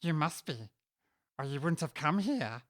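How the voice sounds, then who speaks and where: An actor playing a sly, grinning cat who chuckles between lines in a playful drawl, for a full-cast audiobook. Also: male voice, a little high, lively intonation, measured pace, a bit bright, no room sound, studio quality. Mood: amused, teasing. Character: grinning, teasing Cheshire Cat, sly and amused.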